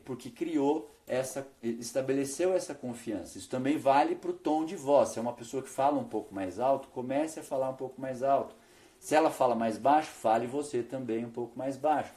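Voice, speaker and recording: A man's voice: mid-range voice, warm tone. A male veterinarian teaching business tips in an instructional video, often asking himself questions and answering them.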